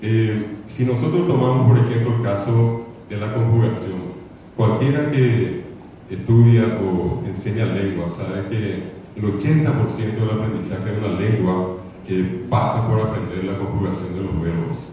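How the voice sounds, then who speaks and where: The speaker, a man with a Paraguayan Spanish accent, lectures earnestly and repetitively at a congress, sometimes mimicking children mispronouncing words. His voice is lowish and mellow, moving at normal speed. Captured from a distance in an echoey lecture hall, the dull recording has a little hiss or hum.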